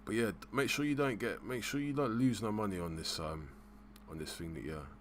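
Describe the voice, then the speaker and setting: A very deep-voiced man chats loosely on his live stream. He rambles, pauses on fillers and keeps giving slangy shout-outs, with a faint hiss of noise behind him. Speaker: livestream host. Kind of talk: casual live-stream chat.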